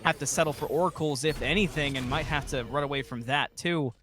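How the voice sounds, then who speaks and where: A man giving live play-by-play esports commentary like a fighting game announcer, building to drawn-out calls when the action heats up. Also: a little high, noisy background.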